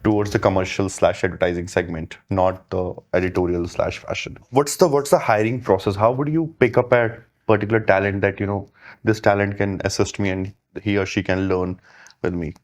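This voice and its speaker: A man's voice: sits low, steady tone, brisk. A man with an Indian accent in casual conversation, asking and answering in a rambling, informal way with occasional Hindi words. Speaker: photographer and interviewer.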